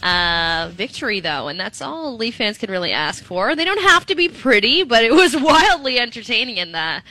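Bright-voiced woman talking sports. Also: a little high, very animated, normal speed, rough recording. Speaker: sports radio co-host. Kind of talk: conversational sports talk.

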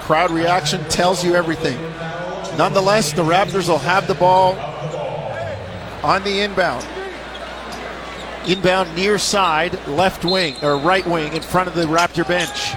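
High-voiced man calling basketball play-by-play. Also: fairly even intonation, measured pace, pauses often. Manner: clipped short phrases. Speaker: play-by-play commentator. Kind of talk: live basketball commentary. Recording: courtside arena noise behind voice. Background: basketball arena crowd and bouncing balls.

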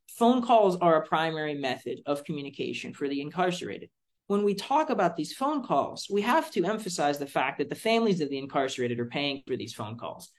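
His voice on the high side, a young Florida-born student policy advocate walks through his interview answers in explanatory fashion. The delivery is deliberate and articulate, with phrasing that carries emphasis.

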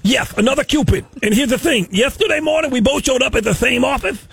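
Man, high voice, gravelly, goofy rambling prank caller, stammers, faint music underneath. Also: quick pace, fairly bright tone. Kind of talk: prank phone call on morning radio.

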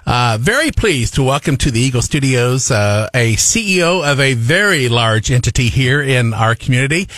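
A man's voice: mid-range voice, expressive, normal speed, hardly any pauses, a bit bright, dry recording, studio quality. A man hosting a radio talk show, interviewing a guest in a friendly, chatty way with frequent uhs. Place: radio studio.

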